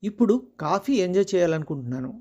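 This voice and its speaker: A storyteller voicing a middle-aged husband near retirement, calm and measured as he explains money matters in a story reading. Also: medium pitch, muffled recording, natural voice. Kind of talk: storytelling dialogue.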